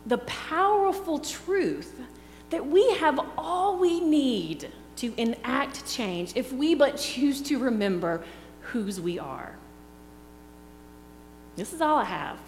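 A woman's voice: sits high, big pitch swings. A middle-aged woman preaching a sermon in an earnest, reflective way. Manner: slow, earnest, reflective delivery. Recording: echoey hall with faint hum.

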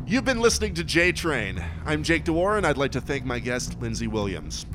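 Podcast guy doing a calm sign-off, music loud underneath. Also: on the high side, fairly quick. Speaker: podcast host. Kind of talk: scripted outro.

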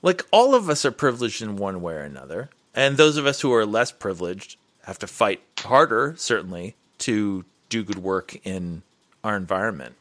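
Animated man talking in casual conversation. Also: lowish voice, normal speed. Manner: animated, rambling, many restarts. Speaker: podcast co-host and writing teacher.

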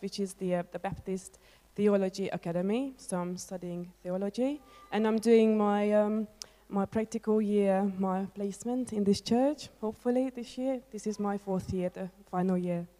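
A woman answers questions on a church stage, choosing her words carefully with many pauses. Her voice is warm and mellow, and a long hall reverb hangs behind it. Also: medium pitch, steady tone. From Hungary. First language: Hungarian. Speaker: theology student on church placement. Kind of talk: hesitant spoken answers in an interview.

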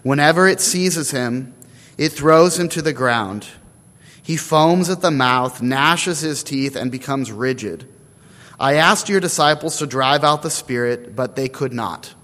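A man's voice: medium pitch, a little slow, fairly bright tone, close to an everyday voice. A man reading the part of a desperate father pleading for his son, read plainly from scripture, with a church echo around him.

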